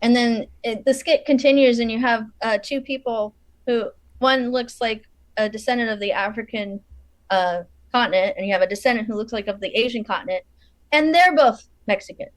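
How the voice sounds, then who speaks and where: Chatty woman podcaster, kinda high voice, laughs a lot, dry sound. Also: fairly quick, dry recording. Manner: chatty, laughs often, animated storytelling. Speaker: podcast co-host. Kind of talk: casual conversation.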